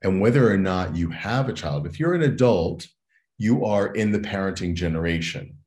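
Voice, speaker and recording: Low-voiced male guest, an earnest educator, unhurried and reflective. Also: animated, darkish tone. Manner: earnest and reflective, often adds "right?". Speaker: educator and consultant, interview guest. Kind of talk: interview conversation.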